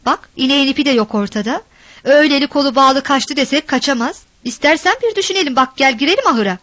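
A woman voicing a rough, quick-tempered village husband who curses and defends himself, read aloud from a storybook. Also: high voice, animated, a bit bright, no echo. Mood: angry. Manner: gruff, cursing, defensive. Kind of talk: storybook reading.

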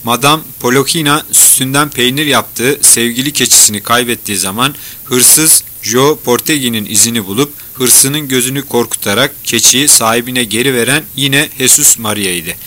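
A man reading a novel aloud in a measured storytelling manner. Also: mid-range voice, bright, forceful tone. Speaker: audiobook narrator. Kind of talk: scripted novel narration.

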